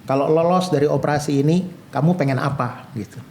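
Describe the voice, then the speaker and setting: A man's voice: on the high side, a little fast. A male pastor, telling his own life story in an interview and acting out the voices of people he quotes. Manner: animated storyteller who acts out quoted voices.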